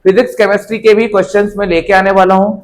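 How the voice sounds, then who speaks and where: A man's voice: high voice, level tone, fast talker. A male teacher giving exam preparation advice to students in an informal, reassuring way, often repeating himself and checking in with "है ना".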